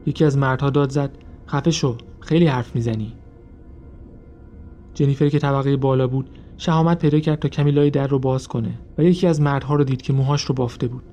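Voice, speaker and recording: A man narrates a true-crime story from a script, keeping his pace even and measured. His voice sits at an ordinary pitch with a warm, dark timbre. Soft music plays faintly underneath. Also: highs cut off. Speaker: podcast narrator.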